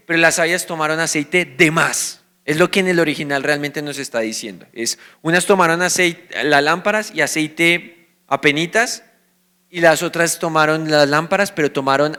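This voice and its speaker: Bright-voiced Colombian pastor teaching a sermon. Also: male voice, fairly high pitch, clean tone. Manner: teaching, asks the congregation questions and answers them.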